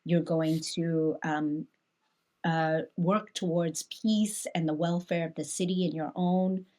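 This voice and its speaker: A woman's voice: deep voice, takes it slowly. Reflective woman pastor thinking aloud. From Hong Kong. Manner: reflective, thinks aloud with restarts and animated asides. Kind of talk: conversational Bible discussion.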